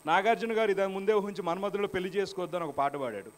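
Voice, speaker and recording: A man's voice: high voice, very fast. A man, a mimicry artist, chatting on stage to set up his impressions. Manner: chatty, sets up each impression. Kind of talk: stage patter between impressions.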